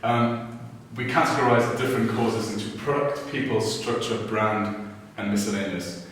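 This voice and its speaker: A man of French and German background presents his team's analysis in a fairly low voice, going through points methodically. He sounds distant, with a strong echo and clear room noise behind him. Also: fairly even intonation, normal speed, fairly bright tone. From France and Germany. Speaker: student presenter. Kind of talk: team case presentation.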